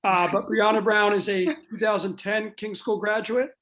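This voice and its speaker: A man's voice: high voice, steady tone, moderate pace, a bit bright. A man hosts an online school athletics panel. He introduces guests with eager praise and talks with plenty of "uh"s. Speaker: dean of athletics, event host.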